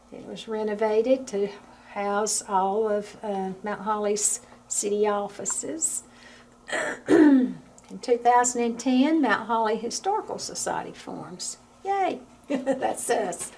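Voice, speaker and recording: A woman giving an informal museum tour as a guide, speaking calmly and a little hesitantly. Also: a little high. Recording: steady background noise, room ambience.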